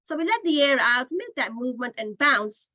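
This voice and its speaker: A woman's voice: high voice, very animated, normal speed, pushed and bright, no echo, poor audio. A woman teaching a Qur'an reading class online, patiently explaining and sounding out letters again and again. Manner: patient, demonstrates sounds by repeating them.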